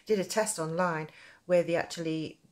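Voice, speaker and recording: This crochet tutorial presenter speaks with a Nottingham accent at a moderate pace, her pitch fairly low. She's from Nottingham, England, and keeps the craft lesson casual, chatty and meandering.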